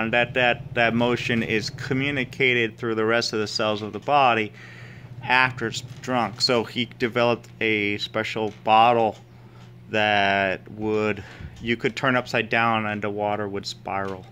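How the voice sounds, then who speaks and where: A man talking through his own ideas in a casual solo monologue, rambling and thinking aloud with pauses and restarts. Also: on the low side, fairly even intonation, sharp tone, a little hiss or hum. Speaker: solo speaker sharing ideas.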